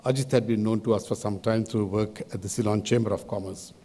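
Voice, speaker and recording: An older man with a Sri Lankan accent delivers a formal podium speech as a chairman, in measured, halting phrases with deliberate pauses. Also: on the low side, fairly even intonation, warm tone. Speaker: advisory committee chairman giving a welcome address.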